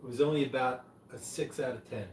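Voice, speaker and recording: A man hosting a casual live stream, dry and a little hesitant, with gentle teasing. His voice sits at an ordinary pitch. It is caught from across a reverberant room over a faint background hum. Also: steady tone, a little fast. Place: pub room. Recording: roomy and distant, faint noise.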